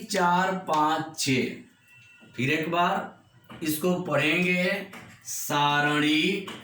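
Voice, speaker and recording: A male maths teacher with a Bihari accent talks his class through a lesson at a very unhurried pace. His voice sits a bit high for a man, and the room around him rings with echo. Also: pushed and bright, slight background noise. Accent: Bihari Hindi. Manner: slow, repetitive explaining, calls students "babu". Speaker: mathematics teacher. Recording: echoey room.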